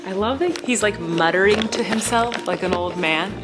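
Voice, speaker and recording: A woman's voice: medium pitch, normal speed. A woman talking casually and playfully, encouraging a small child in simple phrases and chatting to viewers. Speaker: mother vlogging with her toddler. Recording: roomy echo, loud background music. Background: loud music.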